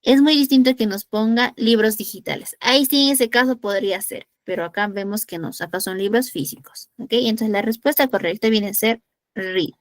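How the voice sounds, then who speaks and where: A woman from Peru teaching an online English lesson. Her voice sits a little high and sounds dry and close to the mic. She is patient, keeps checking in with her students, and answers her own rhetorical questions. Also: normal speed, no echo.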